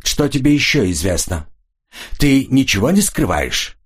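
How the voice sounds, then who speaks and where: A man voicing a furious, hot-headed Polish man who shouts accusations in a raised voice. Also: medium pitch, sing-song, measured pace, breathy edge, voice pushed up. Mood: suspicious.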